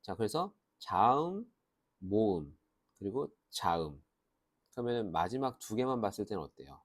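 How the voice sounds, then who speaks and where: Lively low-voiced male grammar teacher. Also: normal speed. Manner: explains step by step, asks and answers his own questions. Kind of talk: lecture.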